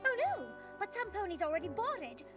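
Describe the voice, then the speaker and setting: A woman's voice: very high-pitched, big pitch swings, a little fast, music in the background. An actress voicing a fashionable, theatrical young female pony who plays detective and narrates the story. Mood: persuasive. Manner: theatrical, refined, gushing over fabrics. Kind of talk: cartoon voice acting with narration.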